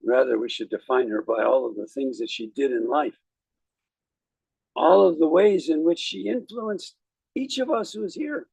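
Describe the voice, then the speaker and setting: A man speaking as a rabbi at a graveside, giving a eulogy in a measured, reflective way with deliberate pauses. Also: fairly high pitch, creaky, a little mellow, breathy edge, no room sound, rough recording. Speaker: rabbi officiating at a funeral.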